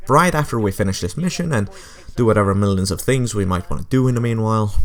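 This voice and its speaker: Wry, low-voiced man narrating a game. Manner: sarcastic, wry asides. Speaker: game commentator. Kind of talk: casual video essay narration.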